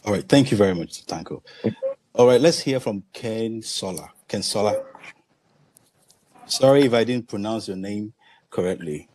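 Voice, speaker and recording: A man moderating an online meeting, calling on speakers briskly. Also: fairly low pitch, lively intonation, darkish tone, slight background noise. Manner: brisk, directive.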